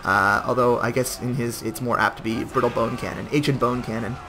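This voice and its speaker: A man's voice: medium pitch, fairly even intonation, brisk, noisy background. A young man giving casual, rambling commentary over a strategy game battle, with jokey self-mocking asides. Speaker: gameplay commentator.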